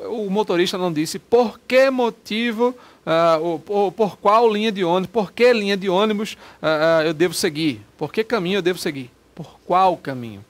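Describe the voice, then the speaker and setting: Guy teaching grammar, kinda high voice, chatty, keeps asking "got it?". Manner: chatty, asks for agreement often. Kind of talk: informal video lesson.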